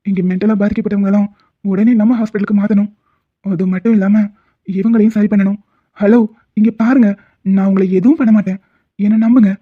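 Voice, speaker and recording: A woman's voice: mid-range voice, fairly even intonation, a little fast, long pauses, lightly acted. A woman voicing a protective, righteous male doctor in a cartoon drama, who speaks in a reassuring but firm way. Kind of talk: cartoon voice acting. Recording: tinny phone-like sound.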